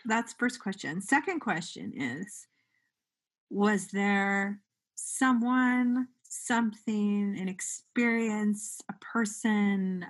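A woman speaking slowly and earnestly as an interviewer. She lingers over her words and trails through lists as she shapes her questions, with an unhurried, reflective feel. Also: mid-range voice. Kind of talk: reflective casual conversation.

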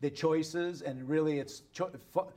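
A man's voice: a little high, unhurried, warm tone. A man hosting an interview show, asking questions and backing up his guest with short replies. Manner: friendly, with brief affirmations. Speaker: host. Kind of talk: casual interview conversation.

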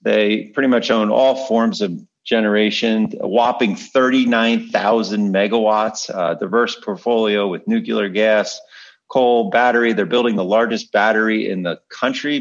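A man's voice: lowish voice, muffled recording. A man co-hosting a podcast in casual, conversational talk. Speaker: podcast co-host. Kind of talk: casual chat.

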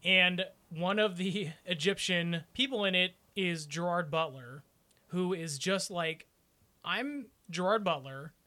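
A man with a high-pitched, bright, ringing voice chats as a movie podcast co-host. He is wry and drops jokey asides. His delivery stays loose and conversational. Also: steady tone, unhurried. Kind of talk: casual movie discussion.

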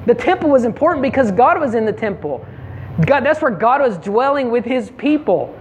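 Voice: medium pitch, big pitch swings, moderate pace, a little hiss or hum. Casual storytelling preacher. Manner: retells scripture by acting out quoted voices; informal, often adds a tag question. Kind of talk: conversational sermon.

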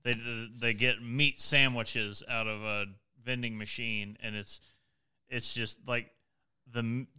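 A man's voice: medium pitch, fairly even intonation, slow, sharp tone, smooth. A man co-hosting a podcast, joking and rambling in casual chat. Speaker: podcast co-host.

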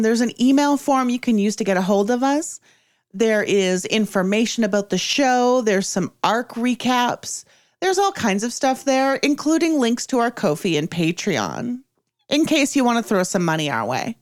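A woman running a tabletop game as game master, narrating slowly, then chatting as podcast host. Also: on the high side, animated.

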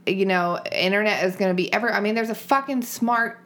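A woman's voice: medium pitch, a bit bright. Blunt, swearing woman podcast co-host. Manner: blunt and quick, with frequent swearing. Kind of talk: casual podcast chat.

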